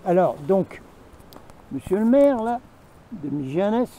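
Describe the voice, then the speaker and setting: Outdoors in the mountains, a male vlogger tells a rambling, repetitive story to camera, slipping into asides with himself while faint noise sounds behind him. His voice sits high, sing-song and dark in tone, at a slow pace, and the audio quality is poor.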